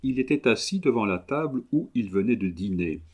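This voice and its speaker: A man narrating a memoir aloud in a measured, expressive reading. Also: lowish voice. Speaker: audiobook reader. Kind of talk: scripted narration.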